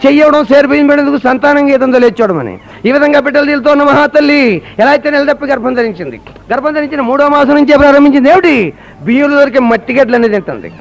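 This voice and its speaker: A man's voice: very high-pitched, creaky, poor audio. A man telling a satirical harikatha in a Coastal Andhra Telugu accent, theatrical and humorous, slipping into song. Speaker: harikatha performer. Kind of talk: satirical harikatha storytelling with sung verses.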